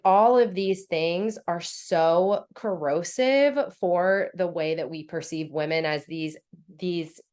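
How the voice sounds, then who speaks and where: A woman guest in a casual interview, telling animated stories and acting out her own inner dialogue. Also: mid-range voice. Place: New York City.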